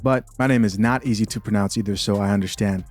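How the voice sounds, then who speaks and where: A man hosting a reaction video, commenting on clips in a relaxed, casual way as he talks straight to his viewers. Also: fairly low pitch, fast, faint music behind.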